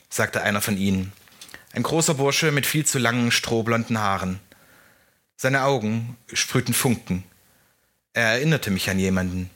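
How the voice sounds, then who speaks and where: A man narrating a first-person story in a measured audiobook style. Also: on the low side, a bit bright.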